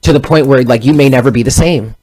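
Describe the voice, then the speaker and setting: A man's voice: medium pitch, fast, dark tone, breathy edge. A man in his thirties giving a casual tarot reading, rambling and often correcting himself mid-sentence. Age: 30s. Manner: rambling, self-correcting, conversational. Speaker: tarot reader.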